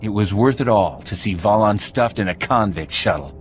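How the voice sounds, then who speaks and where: An actor playing a friendly, grateful soldier in a video game. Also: male voice, lowish voice, animated, moderate pace, a little hiss or hum, natural voice.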